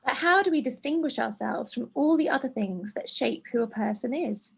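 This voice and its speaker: Husky woman co-host reading a letter. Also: fairly high pitch, expressive, moderate pace. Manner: emotional, laughing through tears while reading. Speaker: podcast co-host. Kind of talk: casual chat, reading a listener letter. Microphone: video call.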